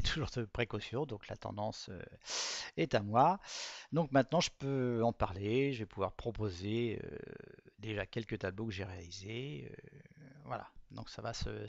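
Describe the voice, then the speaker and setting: A man's voice: fairly low pitch, creaky, dry recording, dull audio. A man presenting his own artwork to viewers in a casual, hesitant way, with many fillers and restarts. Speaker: artist presenting his work.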